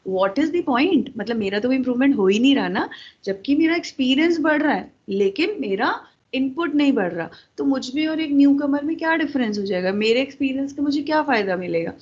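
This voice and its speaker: A woman's voice: a little high, husky, dull audio. A woman teaching a lesson in a conversational way, switching into English terms and talking directly to her viewers. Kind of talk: explanatory lecture.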